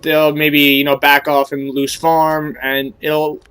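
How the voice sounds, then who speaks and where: This time the young gameplay commentator speaks slowly and in a monotone, his fairly high voice fairly bright, clear and resonant, with faint music behind. Suffering a stuffy nose and sore throat from a cold, he casually explains and coaches viewers with many fillers.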